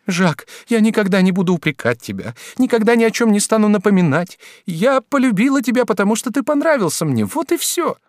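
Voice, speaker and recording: A man's voice: big pitch swings, no room sound, studio quality. Man putting on a timid, pleading young woman. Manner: pleading, drawn-out high voice.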